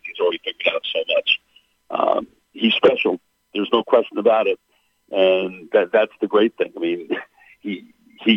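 A basketball play-by-play announcer calls into a radio sports talk show as a guest, bluntly analyzing a basketball player with plenty of "uh" and "you know." His voice sits low, with no echo, over a tinny phone line.

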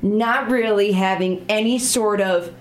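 A woman's voice: medium pitch, measured pace, reverberant. A woman hosting a TV interview show in a studio, upbeat and chatty. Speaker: TV show host.

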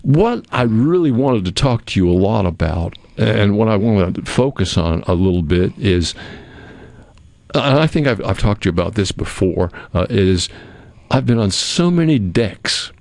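A man's voice: on the low side, sing-song, normal speed, creaky, a little mellow, dry recording. A man hosting a radio show in casual interview chat, rambling and rephrasing as he goes.

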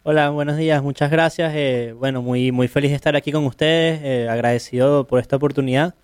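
A man with a Venezuelan accent whose voice sounds smooth and clear. He answers in a friendly, unhurried way, pausing often. The recording is close and dry. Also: mid-range voice, steady tone, a little mellow, dry recording. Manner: friendly, unhurried, with frequent pauses. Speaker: guest, professional surfer. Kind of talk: interview answers.

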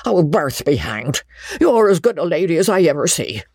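Coarse old baronet, gravelly and husky, blunt country grammar, voice climbing high and wavering as he begs, put on by a reader; dry close sound. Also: very animated, moderate pace, a little mellow, no echo, full character voice. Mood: pleading. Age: older. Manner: rustic ungrammatical speech, pleading.

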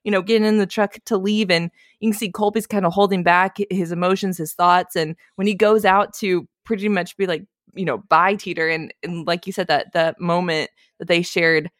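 Excitable woman podcast co-host. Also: lowish voice, normal speed, hardly any pauses, dry recording, clean studio sound. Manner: excitable, gushing. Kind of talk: casual TV recap chat.

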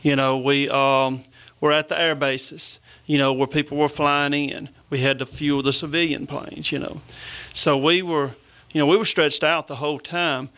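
Bright-voiced Southern man, slightly high. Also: level tone, moderate pace. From Mississippi, US. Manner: explanatory, frequent "you know". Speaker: interview guest, army veteran. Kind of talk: casual conversational recollection.

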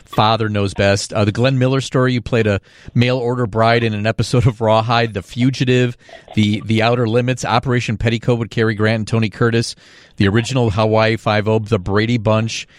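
A man's voice: on the low side, little pitch movement, brisk. A man hosting a radio interview in an easygoing way, with many fillers. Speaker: radio host.

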